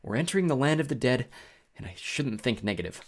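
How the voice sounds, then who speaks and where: A man's voice: mid-range voice, big pitch swings, quick pace, voice pushed up. A man voicing an earnest, brave young girl with a pointed manner in an audiobook. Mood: anxious, exasperated.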